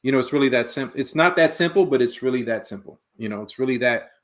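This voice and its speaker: Animated storytelling man, guest. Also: mid-range voice, fast. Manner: animated storyteller who acts out quotes. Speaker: guest, founder of an AI project. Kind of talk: casual podcast interview.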